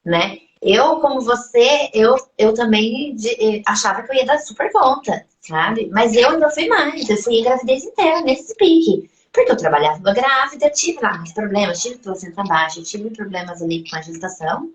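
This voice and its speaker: A woman's voice: a little high, lively intonation, moderate pace, few pauses. A woman host chatting in a reflective, conversational way, sharing her own experience over a video call. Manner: reflective, chatty, tags lines with "né?". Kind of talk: casual conversation. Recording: echoey room.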